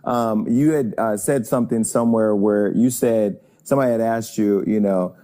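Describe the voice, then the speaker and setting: Host guy in his 40s, low mellow voice, thinking out loud. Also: normal speed. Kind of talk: casual interview talk.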